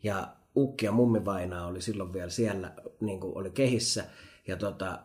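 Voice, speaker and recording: Podcast co-host: man, animated storyteller, lower voice, roomy sound. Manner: animated storyteller, laughs often, many fillers. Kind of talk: casual chat.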